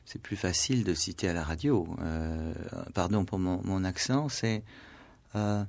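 Low-pitched and a little slow, a man who writes and translates gives a reflective literary interview in a radio studio, with slight background noise. He stumbles through fillers and restarts and occasionally trails off into quiet, near-whispered asides.

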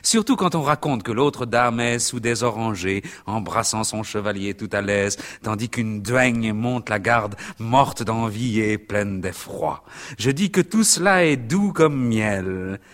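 A man's voice: on the low side, measured pace, a bit bright. A man voicing an earthy, dreamy young serving maid in an audiobook. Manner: gushing, dreamy.

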